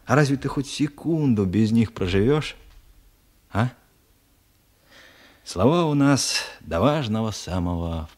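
Plain-spoken Soviet navy officer, reflective. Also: male voice, lowish voice, darkish tone. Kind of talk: Russian war drama dialogue.

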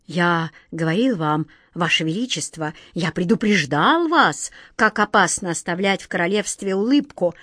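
A woman's voice: fairly low pitch, animated, moderate pace, few pauses, fairly bright tone, no echo, studio quality. A woman voicing a pale, anxious male court official who placates the king. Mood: placating. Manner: deferential, placating.

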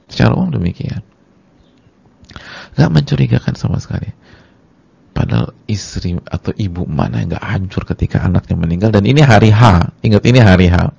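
A man preaching a religious lecture, speaking directly to the women listening and acting out dialogue in a high weeping voice. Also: vocal fry, a little mellow, dull audio. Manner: addresses the women in the audience directly. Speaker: Islamic preacher. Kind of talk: sermon-style religious lecture.

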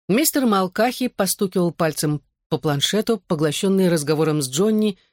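A woman reading a first-person novel aloud as an audiobook narrator, in a measured, expressive manner. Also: fairly low pitch, dry recording, studio quality.

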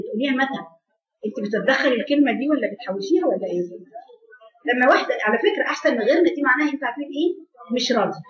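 A woman preacher with an Egyptian accent giving a religious lesson, fervent and full of repeated rhetorical questions. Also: high-pitched. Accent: Egyptian Arabic. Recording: echoey, distant, dull lo-fi sound.

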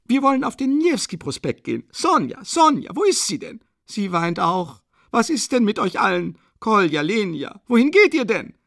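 A man's voice: high voice, moderate pace, a bit bright, no room sound, studio quality, voice pushed up. A man reading an audiobook, voicing a proud, desperate widow who shrieks in haughty, breathless outbursts. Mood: shrill indignant.

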